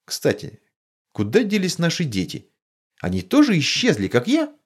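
A man's voice: fairly high pitch, wildly swooping pitch, normal speed, slightly rough, voice pushed up, exaggerated voice. A man doing a bumbling sheepish dad. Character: bumbling good-natured father, middle-aged man.

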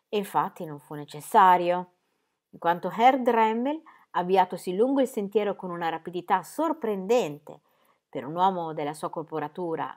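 A woman reading a novel aloud in a measured, expressive way. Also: lowish voice. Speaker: audiobook reader.

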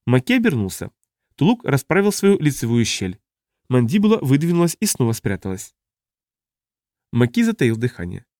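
A man reading an audiobook in a measured, even narration. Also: medium pitch, no room sound, clean studio sound.

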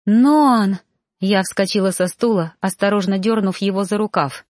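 A woman reads a first-person novel aloud, pouring emotion into her phrasing. Her voice sits at a middle pitch. The recording is dry and close to the mic. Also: brisk, dry recording. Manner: expressive, emotional. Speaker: audiobook narrator.

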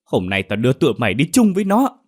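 A man's voice: wildly swooping pitch, fast, darkish tone, breathy edge. A man voicing a grieving middle-aged mother who wails and screams at reporters in a horror story. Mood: enraged. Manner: wailing, shrieking high.

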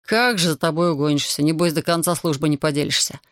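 A cheeky young soldier, as the audiobook reader puts him on, needling and sarcastic in an even, dry voice close to the reader's own. The sound is close and dry. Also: mid-range voice, quick pace, no echo, natural voice. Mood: mocking. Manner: teasing, sarcastic. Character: mocking young male soldier. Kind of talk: audiobook character voice.

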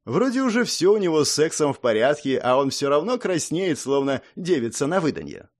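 A man reads an audiobook in the first person. His voice sits fairly high and moves with lively, animated intonation. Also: brisk. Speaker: audiobook narrator.

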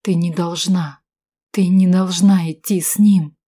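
A woman's voice: on the low side, steady tone, a little slow, mellow, slightly rough. Woman voicing a wounded young hero. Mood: urgent.

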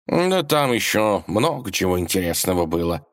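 A man reading an audiobook, voicing a lazy, unhurried male cat who mumbles slowly into his whiskers. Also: low voice, big pitch swings. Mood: laid-back. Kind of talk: audiobook character voice.

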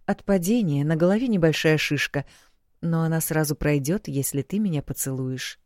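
A playful young husband with a low, murmuring delivery, read by a woman. The tone is mellow and the sound dry and close. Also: moderate pace, no room sound, lightly acted. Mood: teasing.

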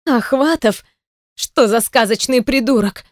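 Woman reader doing a frantic older sister, hoarse and shrill, begging hard, audiobook. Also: normal speed, dry recording, studio quality, lightly acted. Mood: indignant. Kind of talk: audiobook character voice.

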